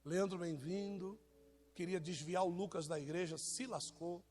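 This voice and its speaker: High-voiced Brazilian preacher teasing his flock. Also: normal speed, a little mellow. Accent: Brazilian Portuguese. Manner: teasing, joking with congregation members. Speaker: apostle preaching to his congregation. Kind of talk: informal sermon to a live church.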